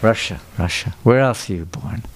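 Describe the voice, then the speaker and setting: Speaking at a moderate pace in a lowish voice against a noisy background, an older man from England delivers a sermon lecture as a guest speaker at a temple. He asks the live audience in the hall questions and echoes their replies.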